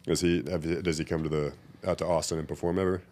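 A man's voice: extremely low pitch, little pitch movement, fast talker, a little mellow, slight background noise. A man appearing as a podcast guest, talking casually and easily agreeing and laughing along. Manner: laid-back, frequent agreeing, laughs along. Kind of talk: casual chat.

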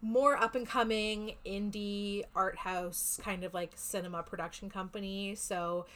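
A woman's voice: mid-range voice, fairly even intonation, unhurried, a bit bright. A woman co-hosting a podcast, explaining in a rambling, chatty way. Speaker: podcast co-host. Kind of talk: casual podcast chat.

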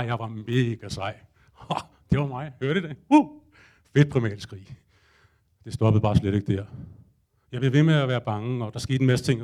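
A man's voice: mid-range voice, dark tone. A man telling a comic first-person story to a live audience, acting out his own panic and thoughts with casual swearing.

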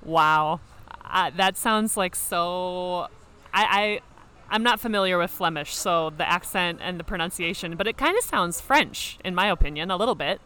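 A woman's voice: fairly low pitch, moderate pace, bright, forceful tone, smooth. A woman speaking as a podcast host, introducing and interviewing a guest. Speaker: podcast host, former pro basketball player.

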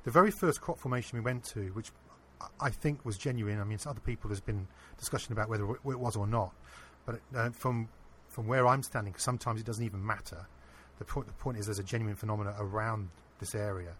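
A man being interviewed, earnestly telling a personal anecdote in a casual, animated way. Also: fairly low pitch, quick pace, hardly any pauses, a little hiss or hum. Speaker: interview guest. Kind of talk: casual storytelling.

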